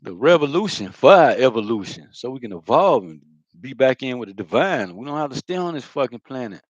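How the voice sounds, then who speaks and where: A man's voice: medium pitch, big pitch swings, fairly quick, no echo, muffled recording. A man giving a loose, profane spiritual monologue, talking casually with lots of fillers. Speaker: spiritual vlogger.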